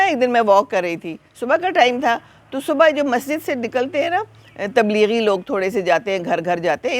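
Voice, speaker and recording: A middle-aged woman with a Pakistani Urdu accent talks straight to her viewers in a chatty, gently preachy way. Her voice sits at a middling pitch. It is recorded dry and close, with no room sound. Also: no room sound. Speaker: vlogger. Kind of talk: casual talk to camera.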